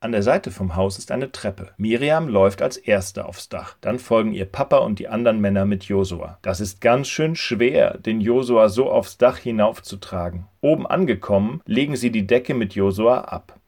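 A man narrating a children's Bible story in a calm, clear storytelling voice. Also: lowish voice, moderate pace, few pauses.

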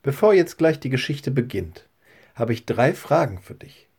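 Friendly pastor talking to children. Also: male voice, medium pitch, very animated, normal speed, darkish tone, slightly rough. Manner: friendly, addresses children directly. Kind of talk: children's church audio and storytelling.

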